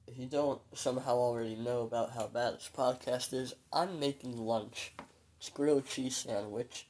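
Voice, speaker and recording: A young man in his late teens rambling through a solo podcast, hesitant and full of ums, sounding weary and low, recorded on a phone. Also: a little mellow. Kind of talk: rambling casual monologue.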